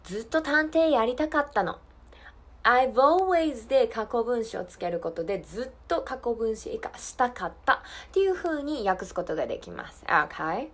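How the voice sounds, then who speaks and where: A woman teaching an English lesson, saying model phrases slowly and carefully, then explaining quickly and repeating drill lines for learners to copy. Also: a little high, very animated. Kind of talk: language lesson.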